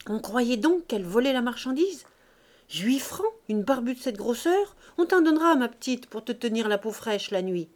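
Woman putting on a coarse old fishwife, loud, sneering, bullying, raised pitch, audiobook figure. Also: animated, normal speed, close to an everyday voice. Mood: mocking.

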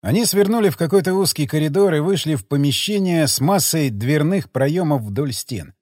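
An expressive male audiobook narrator with a lively, animated pitch and a middle-range voice. The recording is dry and close, with no room sound. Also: normal speed, no echo. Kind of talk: scripted narration.

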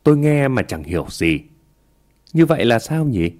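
Lively-voiced man narrating a ghost story. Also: mid-range voice, moderate pace.

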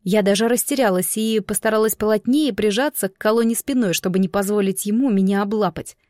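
A woman narrating a fantasy novel in the first person, with expressive storytelling. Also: medium pitch, fairly quick, no echo, clean studio sound. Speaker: audiobook narrator.

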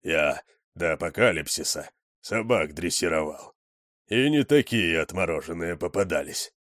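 A man voicing a big fat male cook in an audiobook, calm, slow and easygoing. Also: low voice, no room sound, clean studio sound, voice pushed down.

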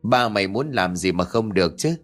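A man doing a gruff scheming old coffin maker. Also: lowish voice, expressive, brisk, fairly bright tone, soft background music. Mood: sly. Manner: scolding, barking orders.

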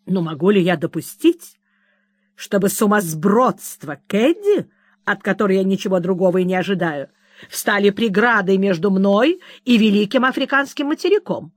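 A woman reading the part of a placid, self-absorbed middle-aged mother who talks calmly and dismissively, in a dry recording. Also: mid-range voice, moderate pace, dry recording, natural voice. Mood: serene. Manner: serene, calm and dismissive.

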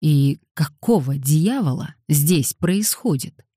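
A woman voicing a quick-tempered young man, hissing his lines through clenched teeth in an audiobook. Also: deep voice, expressive, mellow, slightly rough, no room sound, studio quality, full character voice. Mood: angry.

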